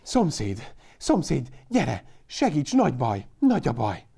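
A man voicing an excitable old shepherd who calls and exclaims loudly in a raised voice. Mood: urgent. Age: older. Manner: loud, high-pitched calling and exclaiming.

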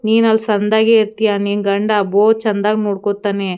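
A woman voicing a patient, comforting village mother in a retold serial, in her own even voice. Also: medium pitch, fairly quick, smooth, lo-fi sound, close to an everyday voice.

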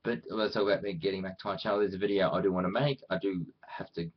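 This vlogger, an Australian man, talks fast in a low, steady voice, though the audio is dull. Chatting casually to camera, he rambles in a self-deprecating way and often acts out quotes he invents.

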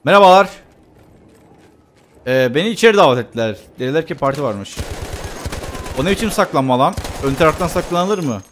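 A man's voice: fairly high pitch, fast talker, slight background noise. Joking man narrating his gameplay. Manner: joking, chatty, bursts into excited shouts. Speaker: gameplay commentator. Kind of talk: casual let's-play commentary. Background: game gunfire and faint music.

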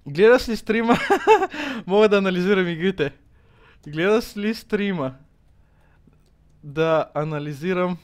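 A young man streaming from a small dim room on a headset, reading aloud haltingly with many fillers and chuckles in casual commentary. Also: a little high, clean tone.

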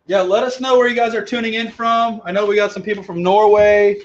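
A man's voice: high voice, fairly even intonation, brisk. A man hosting a casual garage livestream, upbeat and joking as he reads out where viewers are watching from. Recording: lo-fi with faint noise.

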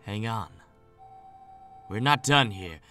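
A man plays a rough pirate grunt for a game, pitched down and blunt, eager for trouble. The bright, lively voice pushes every line forward. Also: takes it slowly, faint music behind, exaggerated voice. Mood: rowdy. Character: rowdy, brutish male pirate grunt.

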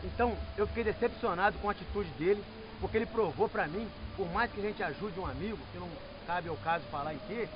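A man's voice: high-pitched, fast, music in the background. Earnest Brazilian man addressing his team. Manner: earnest, moralizing. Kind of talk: locker-room team talk. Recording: muffled camcorder audio.

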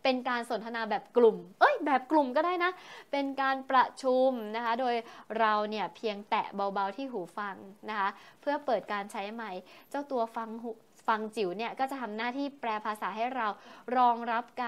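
Female tech presenter, a bit high-pitched, casual and exclamatory. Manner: chatty, exclaims often, frequent polite particles. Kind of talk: casual tech product talk.

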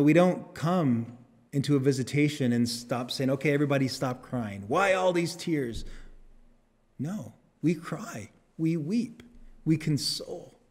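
A man's voice: medium pitch, darkish tone. A male pastor preaching a sermon, earnest, repeating key phrases and putting questions to the congregation, children included. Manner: asks the congregation questions, also speaks to children. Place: church sanctuary. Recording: long church hall reverb.

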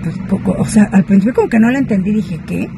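A woman's voice: medium pitch, quick pace. A woman telling a story to her viewers in a chatty, indignant vlog. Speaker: vlogger. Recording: clear background noise.

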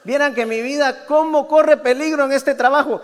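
A man's voice: very high voice, normal speed, in a large hall, pitched above the performer's own voice. A pastor voicing the apostle Paul as a worn-out man who complains tearfully and begs for another job. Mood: whiny pleading.

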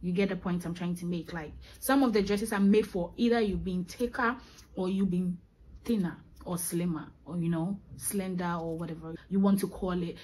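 A woman's voice: lowish voice, fairly even intonation, normal speed, a little mellow, low-quality recording. A young woman venting in a vlog, emphatic and exasperated, repeating her points for effect. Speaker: vlogger. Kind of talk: ranting vlog monologue.

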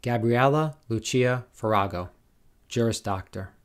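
A man formally reading out graduates' names and degrees at a commencement, in a slow, measured, deliberate way. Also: medium pitch. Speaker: commencement name reader.

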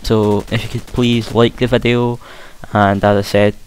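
A young man with a broad Scottish accent talks casually over a game. His voice is fairly low and very flat in pitch, and he hesitates as he tries to speak clearly. A faint hiss and game gunfire sit behind him. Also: measured pace, rough recording. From Scotland. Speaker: gaming commentator. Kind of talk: casual gameplay commentary. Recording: hissy home mic with faint noise.

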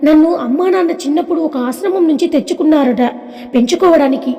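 A woman storyteller voicing a heartbroken young woman who speaks softly and haltingly. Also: high-pitched, big-room sound. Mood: grieving.

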